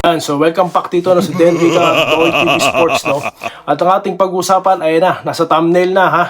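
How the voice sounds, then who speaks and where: A man's voice: a little high, moderate pace, over loud music. Chatty man vlogging basketball. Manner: chatty, laughs often, peppers sentences with tag questions. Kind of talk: casual sports commentary vlog.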